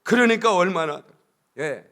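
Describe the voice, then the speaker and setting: A male pastor preaching a sermon in church, telling stories in a chatty way with frequent asides and building to shouted, sing-song climaxes. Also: sits high, lively intonation, a little slow.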